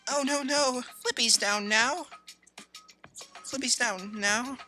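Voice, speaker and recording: A man voicing an old male schemer in a game, talking in a sly, drawn-out taunting way. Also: extremely high pitch, bright, forceful tone, faint music behind, voice pushed up, exaggerated voice. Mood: gloating. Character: older male creepy schemer.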